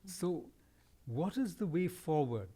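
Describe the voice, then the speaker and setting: Mellow-voiced man musing at length. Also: a little high, lively intonation, slow, slightly rough. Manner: discursive, thoughtful, pushes back gently. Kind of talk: reflective conversation.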